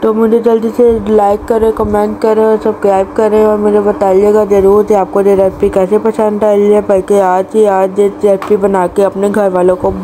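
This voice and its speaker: A woman narrates a home cooking video, walking through each step in a plain, practical way and sometimes restarting a word. Her voice sits at an ordinary pitch for a woman. Clear background noise runs under her voice in a home kitchen recording. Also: monotone, normal speed, hardly any pauses, warm tone, poor audio. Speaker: cooking channel host. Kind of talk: recipe voice-over narration.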